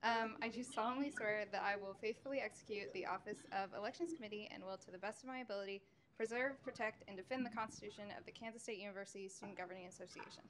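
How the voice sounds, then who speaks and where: A young woman reads an oath of office and gives quick instructions, speaking very fast. She is picked up on a noisy, distant room mic. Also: mid-range voice. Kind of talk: reading an oath aloud.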